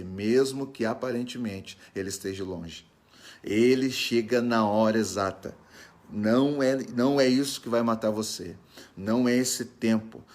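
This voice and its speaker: A man preaching a sermon in an emphatic, repetitive style that drops to soft, slow reassurance. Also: lowish voice. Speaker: pastor. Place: livestream.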